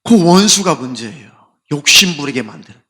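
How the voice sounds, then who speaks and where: Brief: emphatic man preaching, bright forceful voice, a bit high. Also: animated, fairly quick. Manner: emphatic, acts out dialogue. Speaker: pastor. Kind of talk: sermon.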